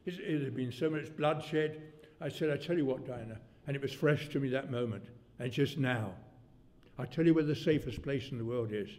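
A man's voice: mid-range voice, moderate pace, darkish tone. A man in his eighties preaching a sermon in a rambling, folksy way, his volume rising suddenly to make a point. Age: 80s. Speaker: pastor. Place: church hall. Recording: long church reverb.

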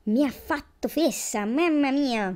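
A woman's voice: sits high, unhurried, darkish tone. A woman giving casual, chatty commentary on her gameplay, thinking aloud and exclaiming as she goes. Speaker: gamer.

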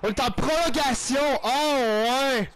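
Excitable high-voiced Quebec French man. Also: takes it slowly. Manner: excitable, loud outbursts, sprinkles English exclamations. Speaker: gaming YouTuber. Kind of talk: playful play-by-play commentary of his own hockey video game.

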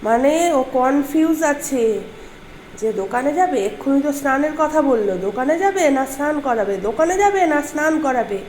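A woman's voice: high-pitched, expressive, fairly quick, darkish tone, a little hiss or hum. A woman vlogging at home, talking casually to viewers and coaxing her dog with affectionate baby talk.

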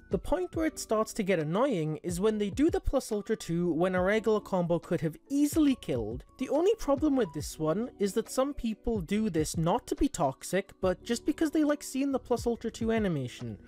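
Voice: medium pitch, a little mellow. A gaming video narrator giving an informal, opinionated explanation as voice-over commentary.

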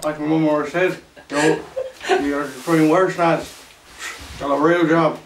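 Man playing a high-voiced cheesy game show host. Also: fairly even intonation, unhurried, a little hiss or hum. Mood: showy. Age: young adult. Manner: showy, rambling, catchphrase-heavy. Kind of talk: game show parody presenting. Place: small indoor room with makeshift set. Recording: echoey room, distant mic, music behind.

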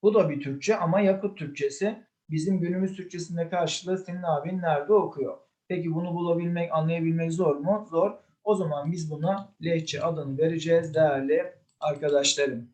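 A man's voice: fairly high pitch, fairly even intonation, normal speed, darkish tone. A man teaching a literature exam review, listing terms one by one and answering his own questions.

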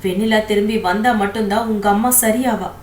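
A woman voicing a worried older man of the family, speaking softly and sadly, in a roomy recording. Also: medium pitch, steady tone, brisk, far from the mic, slight background noise, natural voice.

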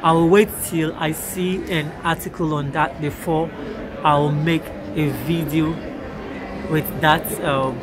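Tired, slow-talking young woman vlogger. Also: low-pitched, fairly even intonation, a crowd in the background. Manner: hesitant, many ums and uhs. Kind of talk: casual vlog update. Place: large indoor hall. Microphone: phone at arm's length.

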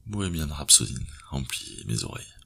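Deep gravelly male audiobook narrator. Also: big pitch swings, moderate pace, pushed and bright. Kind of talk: scripted thriller narration.

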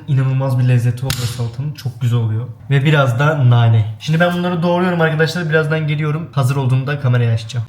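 A man chatting playfully to his viewers as he makes a salad in his kitchen at home. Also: medium pitch. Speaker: vlogger. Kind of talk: casual vlog chat. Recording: echoey room, noisy background.

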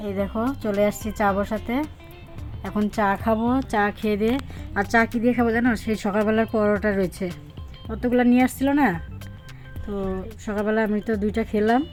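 A woman's voice: mid-range voice, darkish tone. A young woman vlogging casually, chatting to her viewers as she cooks and does housework. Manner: chatty, talks to viewers while doing chores; playful and laughing with her small son. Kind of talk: casual cooking and home vlog.

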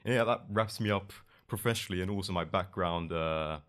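Young London man, low voice, rambling guest who restarts his words often, booth mic in a studio. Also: a little fast, a bit bright. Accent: London English. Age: young adult. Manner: loose, rambling with many restarts and fillers. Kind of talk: casual interview. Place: podcast studio with couch. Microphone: boom mic on arm.

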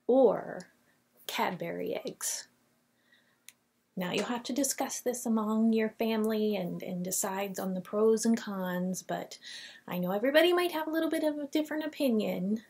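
A woman in her forties teaches a Bible lesson for kids over a webcam at her desk in a small painted classroom office. Her voice is medium-pitched, creaky, a little mellow and slightly rough as she tells the story expressively and reads scripture aloud.

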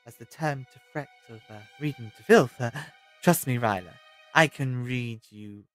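An actor playing a quick-witted, sceptical doctor, hesitant and sardonic, in an audio drama. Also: male voice, mid-range voice, a bit bright, soft background music, close to an everyday voice. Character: wry, sceptical male time-travelling doctor, quick-witted and indignant.

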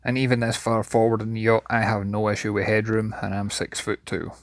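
A man's voice: lowish voice, flat delivery, a little fast, dry recording, studio quality. A man giving an enthusiastic walkthrough tour of a yacht's cabins and engine room, recorded inside the boat. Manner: enthusiastic, descriptive. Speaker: yacht reviewer.

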